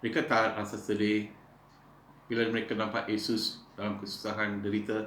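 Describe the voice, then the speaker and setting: A middle-aged man preaching a sermon, swinging between loud emphatic exhortation and soft low asides. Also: little pitch movement, fairly quick, echoey room, a little hiss or hum.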